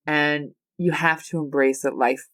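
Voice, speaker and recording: A woman's voice: low voice, fairly even intonation, unhurried, a bit bright. A woman in her thirties hosting a solo podcast, talking in a rambling, heartfelt, confessional way full of fillers and restarts. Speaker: podcast host.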